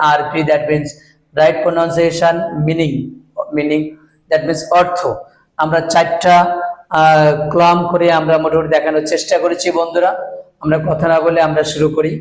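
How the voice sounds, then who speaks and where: Man, Bangladeshi Bengali accent, pronunciation teacher, slow repeated drilling, flat delivery. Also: fairly high pitch, reverberant, rough recording. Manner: repeats words slowly and drawn out for drill. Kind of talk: online lecture.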